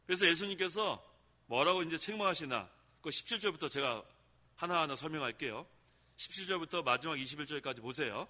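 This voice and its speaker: A man's voice: fairly high pitch, animated, brisk, bright, forceful tone. Man pastor, sermon, asks the congregation questions, repeats key phrases, echoey church hall. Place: church sanctuary.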